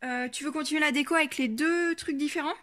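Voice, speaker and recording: A woman's voice: high voice, quick pace, a bit bright. A woman hosting a crafting vlog, chatting casually and hesitating often with fillers.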